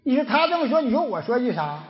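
A man's voice: extremely high pitch, big pitch swings, quick pace, muffled recording. A man from Northeast China with a Northeastern Mandarin accent, giving an earnest moral lecture full of rhetorical questions, recorded in a lecture hall.

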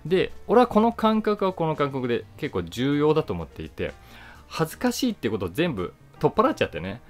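Seated before the camera in a small indoor room, an actor and voice actor in his forties thinks aloud on his own channel, stressing key words and trailing off into asides. His voice is on the high side with wildly swooping pitch, delivered briskly over faint music.

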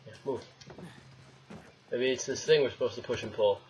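Playing through a game indoors at home, this young man talks in a mid-range voice at a moderate pace, muttering, cursing, and chatting with the game like a typical let's play host. The recording is rough, and video game sounds play in the background.

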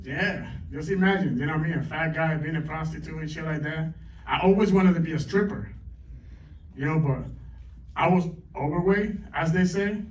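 A man's voice: a little high, normal speed. A middle-aged man doing a stand-up comedy set on a club stage, teasing the crowd with crude banter. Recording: echoey club, distant mic, dull lo-fi.

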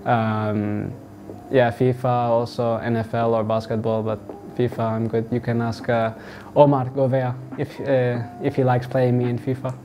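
A young man from Australia, a football player answering interview questions in a relaxed, halting way with many fillers. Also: mid-range voice. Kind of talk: sit-down interview. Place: indoors in front of a wall of football boots. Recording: music playing underneath.

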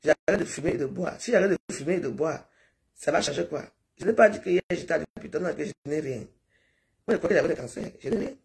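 A woman's voice: low voice, expressive, fast talker, creaky, a little mellow. A middle-aged woman from Cameroon, talking in a rambling, pleading live-stream monologue that repeats itself.

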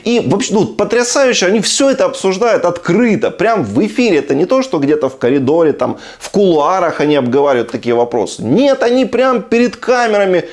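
A man from Ukraine comments on clips in a sardonic, incredulous way. His voice sits fairly high and swings widely in pitch. It sounds like a video blogger talking at home. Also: very animated, brisk, hardly any pauses, a little mellow. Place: room at home.

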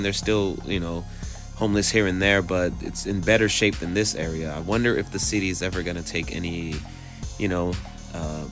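A man in his thirties, who moved to California in 2005, narrates a casual phone vlog while out on city streets and in a car, musing aloud with frequent repeated phrases and rhetorical questions. His voice is low-pitched and a bit bright, with background music beneath the street narration.

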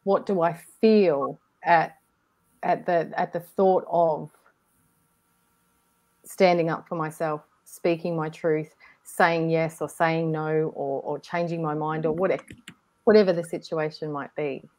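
A woman co-hosting a casual online discussion, reflective and gently encouraging, often restarting her sentences. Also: sits low, steady tone, measured pace. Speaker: co-host. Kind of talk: casual group discussion on a video call.

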